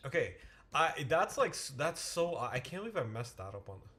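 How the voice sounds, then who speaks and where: A man's voice: a little high, very animated, fairly quick, pushed and bright. A man who tutors math, talking casually to a livestream and thinking aloud, with frequent restarts and self-corrections. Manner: muttering to himself while waiting on the screen.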